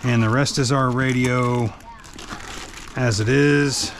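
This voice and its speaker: The speaker, a truck driver who also vlogs, takes things slowly, describing his task in a relaxed, practical way as he carries it out. His voice is medium in pitch and steady, and working sounds can be heard behind him.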